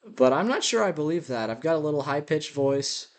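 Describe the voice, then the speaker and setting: A vlogger with a slight lisp rambles through a personal audio journal, musing and self-deprecating, his voice slightly high, expressive, and fairly quick. He records on a built-in laptop mic while walking around a house, with dogs' claws clicking in the background.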